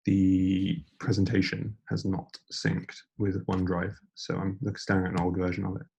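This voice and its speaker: A young man giving an informal online lecture, speaking in a hushed near-whisper as quietly as possible, breathy as if losing his voice. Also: sits low, monotone, normal speed, highs cut off. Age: young adult. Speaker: debating lecturer.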